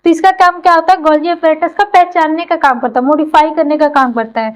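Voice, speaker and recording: Woman with a very high voice who teaches by everyday comparisons and quick questions she answers herself. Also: steady tone, low-quality recording. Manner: keeps asking and answering her own questions. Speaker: biology teacher. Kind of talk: explanatory classroom lecture.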